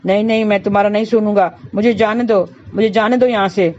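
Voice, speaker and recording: A woman's voice: medium pitch, steady tone, brisk, a little mellow, natural voice. A woman voicing an angry, fed-up husband who repeats himself, in a slightly dull recording. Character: hot-tempered desperate middle-aged husband.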